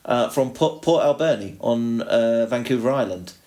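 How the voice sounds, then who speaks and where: A man's voice: medium pitch, moderate pace, a little mellow. Rambling British man co-hosting a podcast. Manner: rambling, with many restarts and fillers. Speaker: podcast co-host. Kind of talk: casual chat.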